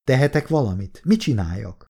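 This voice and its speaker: A man voicing a quiet, worried young man in an audiobook. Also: mid-range voice, expressive, vocal fry, husky.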